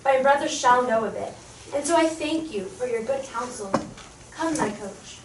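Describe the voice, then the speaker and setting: Using her natural, slightly high, and expressive voice, a woman at a moderate pace performs the part of a young noblewoman driven mad by sorrow in a verse play. The character's distracted mind wanders between speech and snatches of song. The recording is made from far away in an echoey hall, with background noise present.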